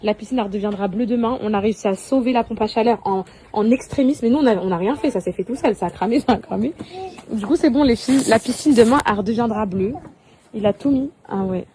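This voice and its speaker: A woman's voice: a little high, quick pace, dark tone, a little hiss or hum. A young woman and mother chatting casually to her followers on a phone story from her kitchen and garden, bubbly and gushing. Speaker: lifestyle influencer and mother. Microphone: handheld phone.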